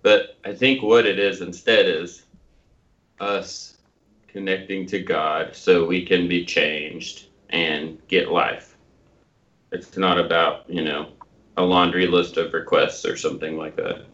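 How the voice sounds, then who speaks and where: Deep, bright-voiced American man, slightly muffled. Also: little pitch movement, slow pace. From Tulsa, Oklahoma, United States. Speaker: podcast co-host. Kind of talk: casual discussion.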